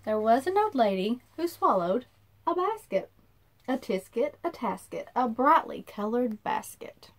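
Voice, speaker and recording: Reading a rhyming picture book to children, this read-aloud host, a woman in her thirties, uses a slightly high, expressive, sing-song voice at a measured pace. The recording comes from a small indoor room, with the device roughly an arm's length away.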